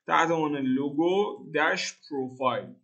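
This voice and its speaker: A man's voice: on the high side, a bit bright, lo-fi sound. A young man from Iran giving a casual, joking coding tutorial over a screen recording and thinking aloud in slang. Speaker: programming tutor.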